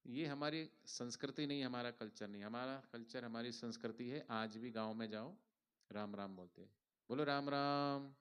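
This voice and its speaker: Male spiritual teacher, mid-pitched voice, playful preachy sermon delivery with chants and acted-out stories. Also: clear, resonant tone. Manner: preachy, playful, acts out anecdotes and leads chanting. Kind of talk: devotional sermon. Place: large outdoor religious gathering.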